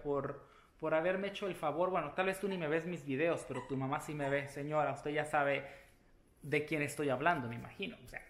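A man vlogger telling a story to the camera in a casual, chatty way, animated and playful, with sudden loud exclamations. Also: a little high, echoey room, slight background noise. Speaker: beauty vlogger.

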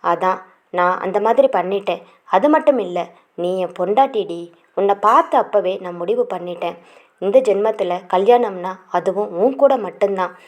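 A woman's voice: mid-range voice, lightly acted. Woman reading as a teasing young village suitor. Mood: pleading. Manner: teasing, quick, coaxing. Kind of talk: audiobook character reading.

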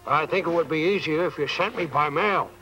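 A high, jokey chimp secret agent, played by a man in a dubbed TV comedy. He sounds offhand and breezy. Clear music runs behind him. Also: fairly quick, lightly acted, rough recording. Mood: wry. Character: wisecracking male chimp secret agent hero.

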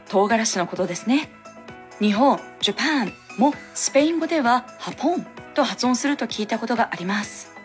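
A woman with a fairly high voice hosts a language lesson on a studio microphone. Her explanations are clear, instructive, and scripted.

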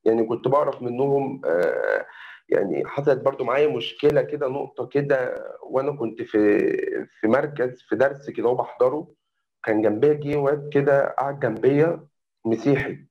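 A man's voice: mid-range voice, expressive, fairly quick. A young man with an Egyptian Arabic accent telling his personal story to a host in a casual, rambling way, often addressing him as doctor. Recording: muffled lo-fi audio.

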